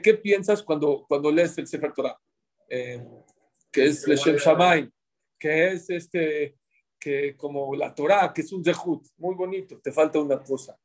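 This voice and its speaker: A man leads a religious class in a notably high voice for a man. He explains each point patiently and keeps putting questions to his listeners before he answers them himself. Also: a little mellow. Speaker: rabbi teaching a Torah class. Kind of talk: religious class talk to a small group.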